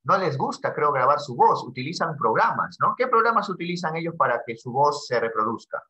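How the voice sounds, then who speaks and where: This Peruvian man, speaking with a Peruvian Spanish accent, leads a casual classroom lesson, joking with a student and tagging his sentences with little questions. His fairly high, sing-song voice is bright and forceful at a fairly quick pace. The lo-fi recording sounds dull.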